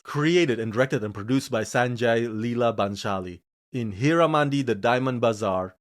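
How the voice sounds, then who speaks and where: A man from Indonesia hosting his own channel, delivering a scripted series review with gushing, emphatic enthusiasm. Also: fairly bright tone. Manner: gushing, emphatic delivery with frequent swings in pitch and pace. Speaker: film reviewer and channel host.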